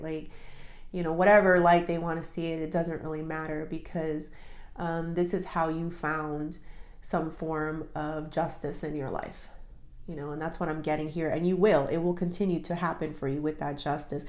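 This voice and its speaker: A woman with a fairly low voice talks straight to her viewer through a casual tarot reading, heartfelt and openly emotional. Her voice rings with the echo of a roomy space. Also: a little mellow. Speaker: tarot reader.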